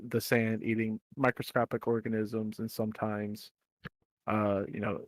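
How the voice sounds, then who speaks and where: A man's voice: fairly low pitch, no echo. Man running a tabletop game, dry sound. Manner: relaxed, descriptive, many fillers. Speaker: game master.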